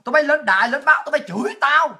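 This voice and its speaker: A high-pitched woman rants in a monologue, her voice bright and piercing. She shouts and mocks, breaking into scornful laughs. She talks like a political commentator on a livestream. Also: animated, racing. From Vietnam. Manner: shouting, mocking, with crude insults and laughs.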